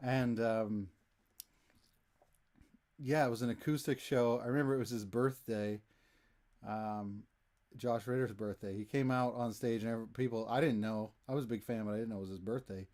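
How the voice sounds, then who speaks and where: A man's voice: medium pitch, fairly even intonation, moderate pace, darkish tone. A man hosting a music live stream, chatting casually between songs in an easygoing, rambling way with self-deprecating jokes. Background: acoustic guitar.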